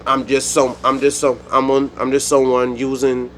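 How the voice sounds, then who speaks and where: A man from the United States hosting his own channel, speaking his mind in a rambling, animated monologue with frequent restarts. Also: medium pitch, moderate pace, slight background noise. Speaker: YouTube channel host. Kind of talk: solo opinion monologue.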